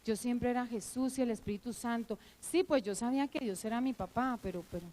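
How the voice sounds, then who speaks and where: A middle-aged woman preaching at church, telling her own testimony in an emotional, animated way with many fillers. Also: on the high side, brisk, poor audio. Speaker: church teacher. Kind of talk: sermon with personal testimony.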